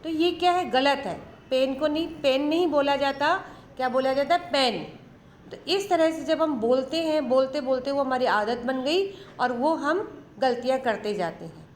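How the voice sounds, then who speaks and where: A woman teaching a Hindi grammar lesson, going slowly through word lists and saying each word twice. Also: high voice, roomy sound, a little hiss or hum. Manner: slow, deliberate, repeats each word twice.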